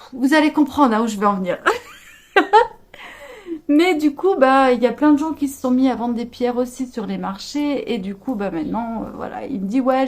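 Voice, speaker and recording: A woman's voice: on the high side, a little mellow. A woman vlogger telling a personal story to camera in a casual, chatty way, full of fillers, quoted dialogue and laughter. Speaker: knitting vlogger.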